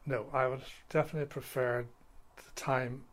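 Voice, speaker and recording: An older retired school principal, telling stories in an interview in a halting way, full of restarts and fillers. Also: male voice, medium pitch, flat delivery. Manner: halting, many restarts and fillers, playful when telling a prank. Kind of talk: interview storytelling.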